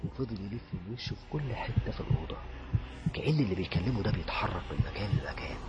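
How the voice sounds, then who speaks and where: A man with an Egyptian accent narrating a horror story in a dramatic way, dropping to a hush at tense moments. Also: on the low side, animated, very fast, lo-fi sound, very noisy. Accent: Egyptian Arabic.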